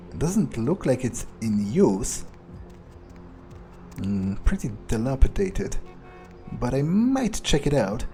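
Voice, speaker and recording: A man with a dark, mid-range voice improvises in-character commentary on a game, musing aloud with nonchalant, hesitant phrasing as part of his playthrough.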